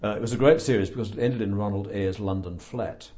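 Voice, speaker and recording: Deep, mellow older man musing dryly. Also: fast. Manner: thoughtful, dry humor, many fillers. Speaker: author being interviewed. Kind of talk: reflective interview talk.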